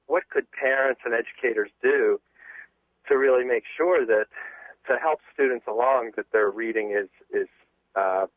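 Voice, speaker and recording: A man co-host calling in, a former teacher speaking in a measured way with hesitant fillers. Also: mid-range voice, dry recording. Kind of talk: phone-in comment. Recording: tinny phone line.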